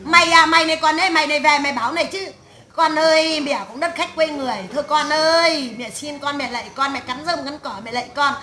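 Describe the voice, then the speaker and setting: A woman's voice: sits high, fairly even intonation, racing, hardly any pauses, sharp tone. A woman medium voicing the spirit of a stern old great-grandmother in a séance, scolding her family in a harsh, crude tirade full of curses. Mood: ranting. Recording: echoey room.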